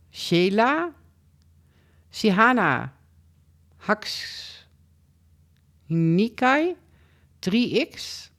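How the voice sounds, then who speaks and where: Woman vlogger, casual news reader, unhurried and melodic, stumbles over names. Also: mid-range voice. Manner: reads long name lists, stumbles over names and comments on them. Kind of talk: casual news roundup read aloud.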